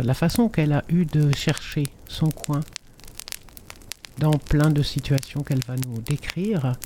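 Give me a calm male radio host with a mellow voice and faint rain in the background. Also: a little high, slight background noise, poor audio. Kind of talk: radio show introduction. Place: inside a tipi by a fire in the rain.

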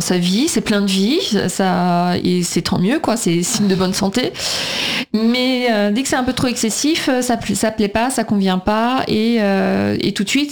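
A woman of Portuguese origin, a nursery school teacher, speaking earnestly and at length as a guest on a radio talk show. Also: mid-range voice. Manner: talkative, earnest, quotes others in lively voices.

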